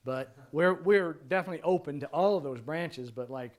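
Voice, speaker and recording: A man presenting a seminar, answering audience questions in a relaxed, joking, rambling way, his voice going hoarse. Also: fairly high pitch, normal speed. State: losing his voice. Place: seminar room.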